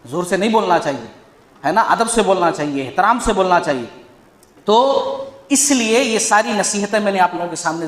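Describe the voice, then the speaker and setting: A man giving a Friday sermon in a mosque, explaining with rhetorical questions and tag questions. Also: high-pitched. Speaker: preacher. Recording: echoey mosque hall.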